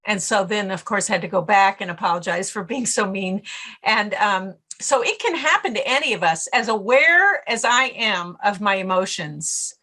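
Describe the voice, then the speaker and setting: A woman's voice: medium pitch, lively intonation, normal speed, sharp tone. A middle-aged woman, a guest on a podcast interview, who talks about stress and acts out her own inner voice as she tells stories. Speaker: guest author and stress coach.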